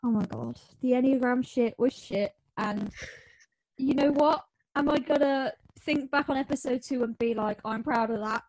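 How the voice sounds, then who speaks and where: A woman's voice: high voice, fairly even intonation, darkish tone, a little hiss or hum, rough recording. A woman co-hosting a casual podcast, dry and laughing as she talks. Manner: dry, laughing, slow and drawn out. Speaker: podcast co-host. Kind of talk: casual chat.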